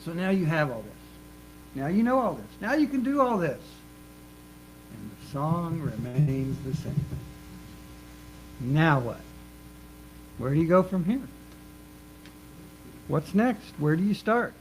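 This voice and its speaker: A man's voice: high voice, sing-song, moderate pace, pauses often, low-quality recording. Earnest man giving a sermon. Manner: earnest, emphatic, repeats phrases for rhythm. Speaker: minister. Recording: faint mains hum.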